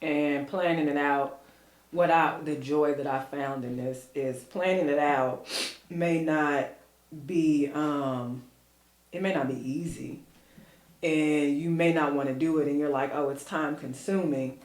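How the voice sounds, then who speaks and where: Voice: medium pitch, fairly even intonation, unhurried, roomy sound. A co-host in a casual chat, explaining their ideas thoughtfully and step by step.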